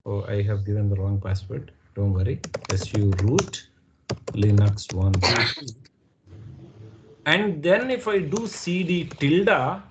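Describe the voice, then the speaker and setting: A man's voice: mid-range voice, lively intonation, takes it slowly, very noisy. A man with an Indian English accent teaching a live online class, patiently repeating points and checking that students understand. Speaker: instructor.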